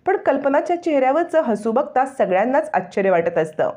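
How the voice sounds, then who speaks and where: A woman retelling a television serial episode in lively, dramatic narration. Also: sits high, a little fast. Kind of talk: storytelling recap narration.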